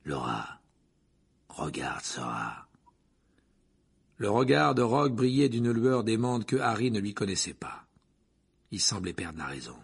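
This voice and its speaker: A man reading an audiobook aloud with dramatic, lively storytelling. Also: medium pitch, normal speed, vocal fry, breathy edge. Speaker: audiobook narrator.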